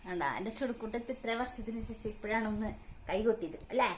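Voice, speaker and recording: A mother with a Kerala Malayalam accent in a casual home vlog. Her voice sits a little high, and it lifts into a playful, coaxing sing-song when she talks to her little boy. Then it settles into calm explaining, with faint noise in the background. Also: fast talker. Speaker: mother of the vlog's child.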